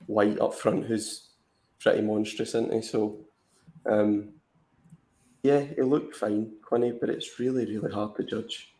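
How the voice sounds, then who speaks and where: Co-hosting a fantasy football live stream, a man with a lowish, darkish, reverberant voice chats casually and rambles. His speech is packed with fillers and restarts.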